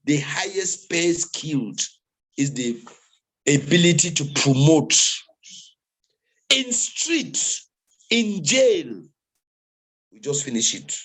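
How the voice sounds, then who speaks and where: A high, husky man exhorts his listeners on a video call. His voice leaps up and down as he preaches and repeats himself. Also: big pitch swings, takes it slowly, long pauses, fairly bright tone. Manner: preachy, exhorting crowd, repetitive. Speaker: online meeting host. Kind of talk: motivational talk on a video call.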